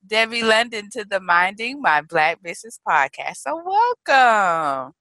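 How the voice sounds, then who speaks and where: A woman's voice: mid-range voice, very animated, unhurried, sharp tone, dry recording. A woman hosting a podcast in a chatty, enthusiastic interview style. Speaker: podcast host.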